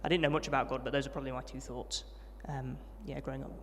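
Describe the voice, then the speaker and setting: Speaking fast in a hall with slight background noise, a Yorkshire-born trainee vicar is interviewed about his testimony at a student event. He's a young man with a mid-range voice and a level tone. His storytelling is friendly and self-deprecating, full of ums.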